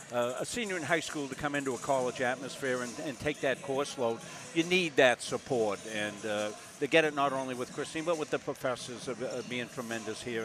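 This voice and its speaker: Older guy from massachusetts doing courtside game commentary, chatty and rambling, lots of uhs, music going behind him. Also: medium pitch. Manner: folksy and rambling, with many filler sounds. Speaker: play-by-play announcer. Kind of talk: live basketball commentary. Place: courtside in a college gym.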